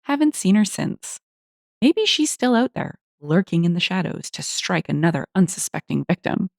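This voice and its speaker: A woman tells internet stories in a casual, animated way, and her pitch moves a lot. Her voice is lowish, with a gravelly grain. The recording is close and dry. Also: normal speed, dry recording. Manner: animated and expressive. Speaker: story narrator. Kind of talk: casual storytelling narration.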